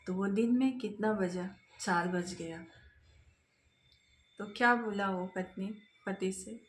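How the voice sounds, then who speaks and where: A woman vlogger telling a story in a slow, repetitive, simple way. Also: mid-range voice, slight background noise. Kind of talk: casual spoken storytelling. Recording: roomy echo.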